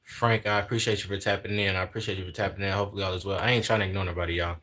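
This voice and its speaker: A man's voice: deep voice, fairly even intonation, very fast, pushed and bright. A man in his twenties chatting casually on a livestream, preaching in a repetitive way and sprinkling in "man" and "y'all". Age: 20s. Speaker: livestream host.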